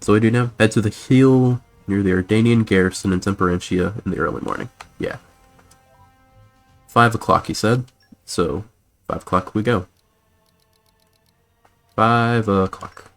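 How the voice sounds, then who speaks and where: A man's voice: fairly low pitch, brisk, darkish tone, soft background music. A man streaming a video game and chatting casually, laid-back and joking. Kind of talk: casual let's-play commentary.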